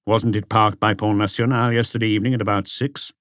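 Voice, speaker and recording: A male narrator voices a calm, probing detective chief inspector, speaking low and measured and questioning with polite insistence. The audiobook recording is dry with no echo, and the voice is close to an everyday one.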